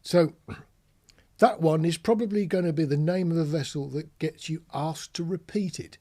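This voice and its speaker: At normal speed, a British man whose dark voice sits on the high side hosts an informal lesson as a podcast host and radio instructor. He talks through examples in a conversational way, with rhetorical tag questions and words spelled out.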